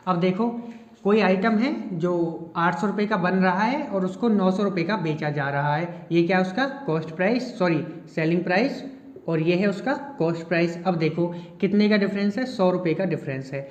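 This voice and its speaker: A male math teacher, working through problems step by step in Hindi sprinkled with terms. He slows down while writing formulas and catches his own slips. The room sounds echoey and the recording is dull and lo-fi. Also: high voice. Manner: corrects himself mid-line. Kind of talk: exam-prep math lecture.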